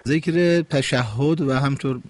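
A man's voice: medium pitch, darkish tone, a little hiss or hum. A man hosting a call-in radio lesson, patiently correcting callers' Quran pronunciation. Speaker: radio host and Quran recitation teacher.

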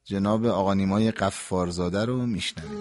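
A man hosting a religious radio program, explaining calmly and didactically how to recite the prayer clearly. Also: deep voice. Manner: calm, didactic, warm sign-offs. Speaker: radio host and religious expert.

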